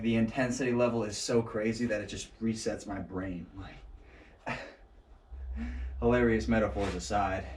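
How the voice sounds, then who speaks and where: A man with a medium-pitched, slightly mellow voice gives an informal martial arts lesson, joking and reasoning aloud as he shows techniques in an indoor training space. Recorded by an action camera some way off, the sound is echoey with a faint noise floor.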